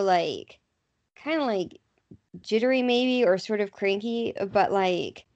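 A woman's voice: medium pitch, darkish tone, highs cut off. A woman co-hosting a podcast in casual chat, rambling with lots of "like" fillers. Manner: chatty, filler-heavy with lots of "like". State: hiccuping.

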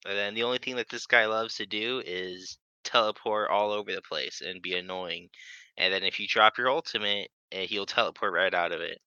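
A man's voice: fairly low pitch, steady tone, brisk, pushed and bright, smooth, no echo, muffled recording. A man co-hosting a gaming podcast, talking in a laid-back, matter-of-fact way. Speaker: podcast co-host. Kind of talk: casual gaming podcast chat.

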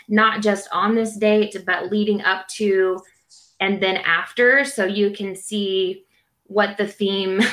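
A woman's voice: medium pitch, fairly bright tone. A woman casually explaining an astrological forecast in a conversational way.

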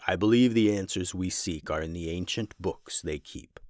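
A man voicing a terse, stern old professor wizard who speaks gravely. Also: deep voice, moderate pace, a little mellow, dry recording, studio quality, pitched below the performer's own voice, natural voice. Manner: grave and clipped.

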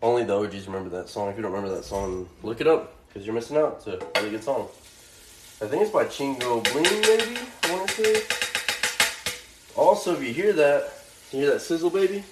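A man's voice: medium pitch, animated, brisk, heavy background noise. Rambling young man in his kitchen. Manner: rambling, slangy, laid-back. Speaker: vlogger. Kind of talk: casual storytelling. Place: home kitchen, cooking. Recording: roomy kitchen with faint frying sizzle.

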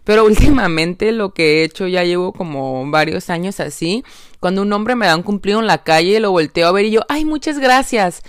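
Chatty Mexican woman, smooth low voice. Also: fairly quick, no echo, studio quality. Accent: Mexican Spanish. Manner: chatty and upbeat, addressing listeners directly; frequent filler tags like "¿no?" and "entonces". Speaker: podcast host. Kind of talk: casual podcast monologue.

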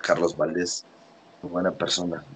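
Animated Mexican man telling stories. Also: low voice, moderate pace, breathy edge. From Veracruz, Mexico. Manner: animated storyteller, acts out quotes. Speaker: guest wrestler. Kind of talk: casual anecdote in a podcast interview.

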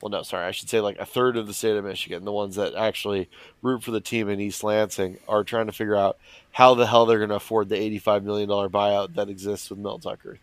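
A man's voice: on the low side, level tone, fast talker, no echo. A man talking sports casually as an analyst, nasal and stuffed up as if his nose is blocked by allergies, giving emphatic opinions. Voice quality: nasal, plugged-nose sound.

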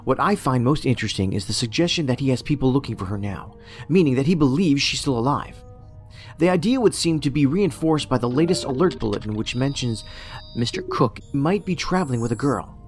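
In a science fiction audio drama, an actor plays a pedantic, socially awkward federal investigator who speaks precisely and formally, detached, musing and analytical. The male voice is medium-pitched, fairly quick and lively in intonation, lightly acted, with music playing under it.

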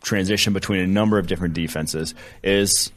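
Deep-voiced laid-back podcast man. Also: fairly even intonation, a little fast. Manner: laid-back, rambling analysis with fillers. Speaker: podcast co-host. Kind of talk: casual sports podcast chat.

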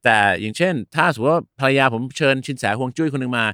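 A man whose first language is English co-hosts a casual chat in Thai, slipping English words into his sentences and spelling them out slowly. His voice sits at an ordinary middle pitch. The sound is dry and close, with no room around it. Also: bright, forceful tone, no echo. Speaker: podcast co-host, English teacher.

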